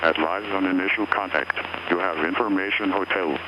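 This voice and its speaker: Deep-voiced man on an airport radio broadcast. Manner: measured, even delivery of numbers and notices. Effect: automated airport information broadcast heard over an aircraft radio. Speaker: recorded airport weather and information broadcast. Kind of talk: flat, scripted reading of airport information. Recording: muffled aircraft radio with loud background hum.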